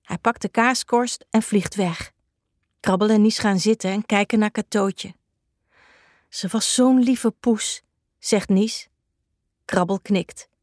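Woman reading a children's story, unhurried and even, dry close sound. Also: mid-range voice, dry recording. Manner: slow and even. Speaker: narrator.

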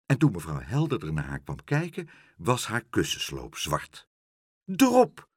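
A man reads a children's story aloud, his pitch swooping widely as he tells it. His voice is husky and on the lower side. The recording is close and very dry. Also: normal speed, no room sound. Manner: lively expressive storytelling. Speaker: narrator.

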